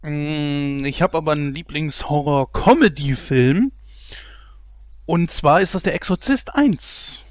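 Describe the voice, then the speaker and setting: A man co-hosting a casual podcast, telling a story in a lively way. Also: fairly high pitch, unhurried, dry recording. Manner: storytelling, animated when amused. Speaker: podcast co-host. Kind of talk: casual podcast chat about films.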